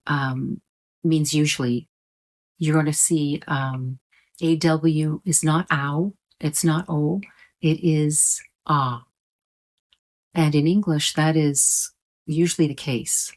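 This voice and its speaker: A woman's voice: low voice, a little mellow. A woman teaching English pronunciation in a patient, explanatory way, repeating points and stretching out vowel sounds to demonstrate them. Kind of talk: slow explanatory lesson.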